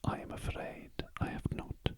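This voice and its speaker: A man's voice: a little slow, no room sound, natural voice. Man whispering as Scrooge, a humbled British miser. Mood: meek, submissive. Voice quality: breathy whisper. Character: humbled old miser, submissive and meek. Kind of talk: whispered storybook reading.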